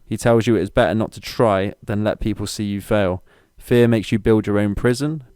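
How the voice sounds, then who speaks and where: A menacing demon in a disguised deep voice, low and slow, every word drawn out and taunting, as a man puts it on. The voice is smooth and full, recorded close and dry with no room around it. It reads like a dramatic spoken creepy story. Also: a little mellow, no echo, natural voice. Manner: slow, deliberate delivery of a taunting letter.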